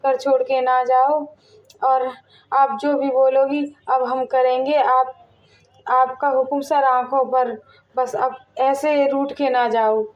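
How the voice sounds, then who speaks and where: A woman's voice: high voice, level tone, slow pace. A woman voicing a dutiful young daughter-in-law who speaks politely and obediently. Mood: apologetic. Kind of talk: family drama voice acting. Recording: dull audio with faint music.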